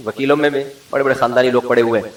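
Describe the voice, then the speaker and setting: A man giving a humorous religious lecture as an Islamic scholar. He tells stories in an animated way and mimics the people he quotes. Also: mid-range voice, fast talker, far from the mic. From Pakistan. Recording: roomy sound, voice a little off-mic.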